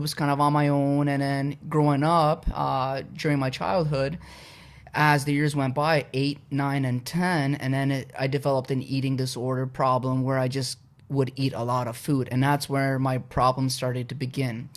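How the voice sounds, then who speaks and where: Speaking at a normal speed in a medium-pitched voice, a young adult man from Poland shares his personal story on a podcast. He keeps it relaxed and casual, often saying "uh" and "you know."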